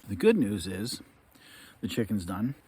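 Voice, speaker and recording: A man talking casually to himself in an unhurried, musing way, like a solo camper narrating his outdoor vlog. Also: lowish voice, husky. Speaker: solo camping vlogger. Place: outdoors at a woodland campsite and in a tent. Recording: outdoor recording with steady background noise.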